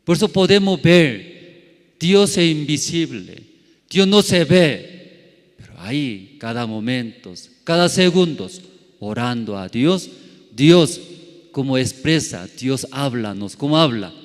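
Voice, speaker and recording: A man preaching a Sunday sermon at a very unhurried pace. His plainly worded, learner-like phrasing swells into loud, emphatic lines and then falls back to near quiet. Long reverb from a church hall trails every phrase. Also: medium pitch, lively intonation. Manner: simple, non-native Spanish grammar. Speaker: pastor. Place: church service.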